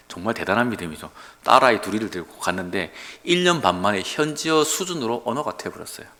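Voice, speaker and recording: Lively, dramatic male pastor preaching. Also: medium pitch. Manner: dramatic, acts out dialogue with God in raised voice. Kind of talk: early-morning sermon. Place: church sanctuary. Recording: long hall reverb.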